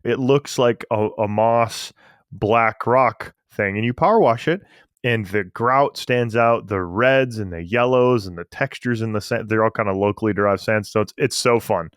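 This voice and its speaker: A man co-hosting a casual podcast, chatty and quick to laugh, restarting his sentences as he talks. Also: fairly low pitch, clean tone, no echo, clean studio sound. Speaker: podcast co-host.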